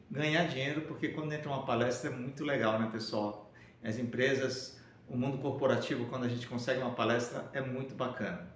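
A man, a professional speaker talking straight to the camera in an upbeat, casual pitch, recorded indoors in a room full of shelves. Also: echoey room, a little hiss or hum. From Brazil. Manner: upbeat, addresses viewers directly.

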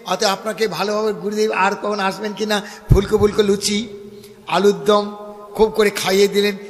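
A man with a West Bengal accent gives a devotional sermon, speaking high in his register. He preaches directly to his audience and breaks into chanted verses. The sound rings with a long hall reverb. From India. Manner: preachy, addresses listeners as baba. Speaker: Bhagavat reciter. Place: gathering at a home, live audience.

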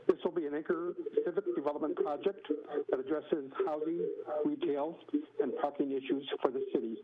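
A man giving a formal public comment at a council meeting, heard over a clipped phone line. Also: medium pitch. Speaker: public commenter, library support group president. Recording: tinny phone line with faint hiss.

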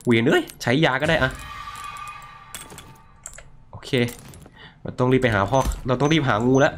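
A young man commentating his horror game play, excitable and crude, joking and swearing at enemies. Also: medium pitch, normal speed, a little hiss or hum. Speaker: gaming streamer.

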